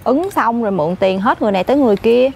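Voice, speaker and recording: An actress playing a gossipy office worker, speaking with a Southern Vietnamese accent and a complaining manner. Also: female voice, on the high side, expressive, racing, gravelly, darkish tone, slight background noise. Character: gossipy middle-aged woman office worker. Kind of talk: comedy sketch acting. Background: faint background music.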